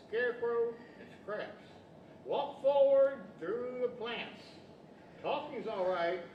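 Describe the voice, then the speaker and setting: A man's voice: high voice, dull audio, exaggerated voice. A man playing a courtly, scheming, kindly wizard in a 1940s-style radio play on stage, with theatrical delivery. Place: large indoor library event hall, live stage. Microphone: stand mics, distant pickup. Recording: echoey hall, distant mic, background noise.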